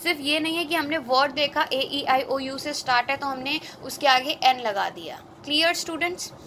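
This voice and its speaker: A woman's voice: high voice, normal speed, bright, forceful tone, a little hiss or hum. A woman teacher explaining grammar to schoolchildren, asking questions and answering them herself, with words mixed in. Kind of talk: grammar lesson for children.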